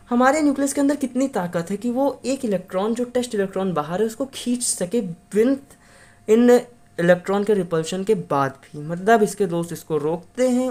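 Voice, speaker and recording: A woman's voice: medium pitch, a little mellow. A woman tutoring for an exam in a casual explanatory lesson, chatty and checking in with listeners, sometimes correcting herself mid-sentence.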